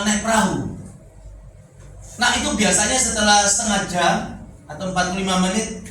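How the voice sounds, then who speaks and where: A middle-aged man preaching a sermon, telling his own testimony and swinging between loud proclamations and quiet asides. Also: sits high. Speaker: pastor. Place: church service hall. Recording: echoey hall, distant mic, background noise.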